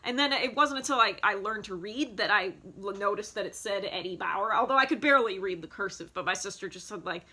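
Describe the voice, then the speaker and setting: A woman's voice: medium pitch, fairly quick, hardly any pauses, bright, forceful tone, slightly rough. A woman in her thirties chatting casually about childhood keepsakes, rambling with lots of fillers and restarts, recorded on a phone in a home basement. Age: 30s. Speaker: vlogger. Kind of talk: casual nostalgic show-and-tell.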